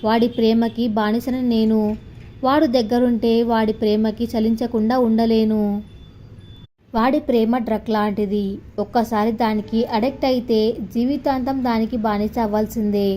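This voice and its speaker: A woman's voice: fairly high pitch, level tone, normal speed, mellow, a little hiss or hum. A woman narrating an emotional family love story in a tender, heartfelt way.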